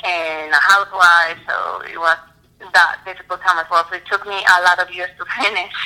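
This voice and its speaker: Bright-voiced woman. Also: lowish voice, flat delivery, moderate pace, poor audio. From Colombia. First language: Spanish. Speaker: guest. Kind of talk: casual interview.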